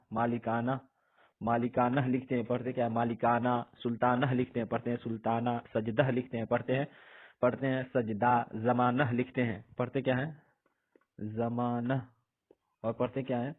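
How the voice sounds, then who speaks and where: A man teaching a grammar lesson in a patient, repetitive way. He asks a question and answers it himself. His voice is husky and comes through a thin, phone-like recording. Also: medium pitch. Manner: asks questions and answers them himself, repeating words slowly. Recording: husky voice on tinny phone-like audio.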